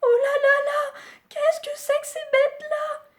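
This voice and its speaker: A woman's voice: extremely high pitch, animated, unhurried, pitched above the performer's own voice, full character voice. A woman reading aloud who voices a cheeky little girl in a storybook, squealing and exclaiming. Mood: frightened.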